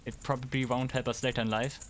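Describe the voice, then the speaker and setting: A German man in his thirties streams a game, talking casually, answering chat questions and chuckling in a relaxed way. He speaks fast in a mid-range voice, with game music and other background noise behind him.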